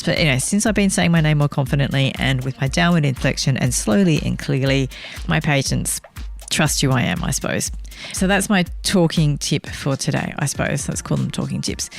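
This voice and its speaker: A woman hosting a podcast, giving speaking tips in a clear, measured, coaching tone. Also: low-pitched. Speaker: podcast host.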